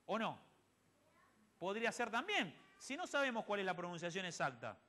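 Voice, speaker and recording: A man's voice: high voice, sing-song, moderate pace, pushed and bright. A man giving a sermon-style Bible teaching in a church, asking rhetorical questions and quoting conversations. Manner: asks the audience rhetorical questions and answers them; quotes others in conversation. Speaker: church speaker.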